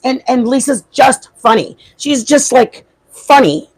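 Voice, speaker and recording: Her voice sits high with lively intonation and a breathy edge, and she speaks a little slowly. This woman is hosting a casual livestream from home near the kitchen, congested and rambling with many restarts.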